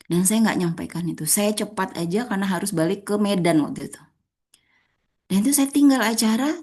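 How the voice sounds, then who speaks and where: A woman with an Indonesian accent leading a public speaking workshop, talking directly to the participants and acting out rising and flat intonation as examples. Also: medium pitch. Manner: addresses audience as friends, demonstrates intonation.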